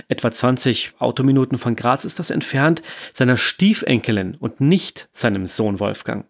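A man co-hosts a true-crime podcast with a mid-range voice. He reads his part of the script in a plain, matter-of-fact way. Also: mid-range voice. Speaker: podcast co-host.

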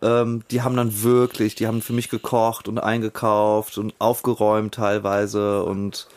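A middle-aged man chatting casually as a podcast host, telling an anecdote with lively reenactments. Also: lowish voice, normal speed. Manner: animated storyteller, acts out scenes with raised voice. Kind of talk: casual chat.

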